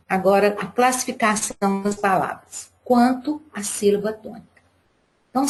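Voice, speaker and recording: A woman's voice: mid-range voice, a little mellow. A woman teacher giving a live online class to young pupils, explaining patiently and step by step.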